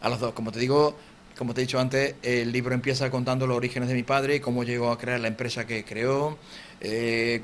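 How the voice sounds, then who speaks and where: A middle-aged man with an Andalusian Spanish accent, a book author talking as a guest on a local TV interview, animated, quoting himself and acting out sounds. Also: medium pitch, a little hiss or hum. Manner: fast, animated, acts out quotes and sounds. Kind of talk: TV interview, casual explanation. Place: local TV studio.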